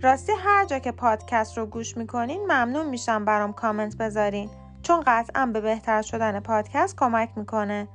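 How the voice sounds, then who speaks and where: A woman hosting a short podcast lesson, speaking Persian natively and spelling out English words letter by letter with slow, careful pronunciation. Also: a little high, expressive, faint music behind. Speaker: podcast host and English teacher.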